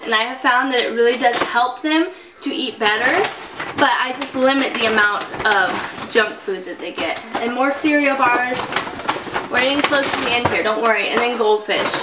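Young female vlogger, bright-ish chatty delivery, roomy kitchen, camera mic some way off with background noise. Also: a little high. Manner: chatty and animated, holding up items. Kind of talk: casual grocery haul talk. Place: home kitchen, indoors. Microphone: camera mic from a few feet away. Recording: echoey room, distant mic, noisy.

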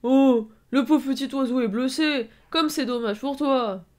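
A brutish, leering woodsman who jeers loudly at his victim, as a woman reads him aloud. His voice rides up, lifted and lively when he crows. He is crude and mocking in a read-aloud story. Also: high-pitched, a little fast, voice pushed up. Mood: jeering.

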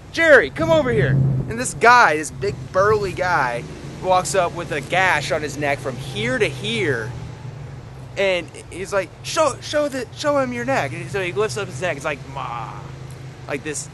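A man's voice: high voice, big pitch swings, unhurried, noisy background. A man in his twenties telling a story outdoors in the woods, acting out the voices of the people in it. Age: 20s. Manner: acts out quoted voices. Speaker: interviewee. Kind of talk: animated storytelling.

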